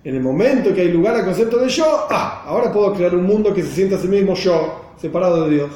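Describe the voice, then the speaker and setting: A man's voice: high voice, lively intonation, fast, dark tone, echoey room. Argentine man teaching a text class. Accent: Argentine Spanish. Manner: reads Hebrew phrases then explains them, checks on the students.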